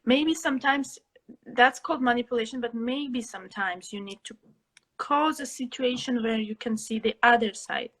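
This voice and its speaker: A young woman from Russia, an interview guest who answers thoughtfully, pausing to find her words. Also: fairly high pitch, a bit bright, low-quality recording. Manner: reflective, pauses to find words.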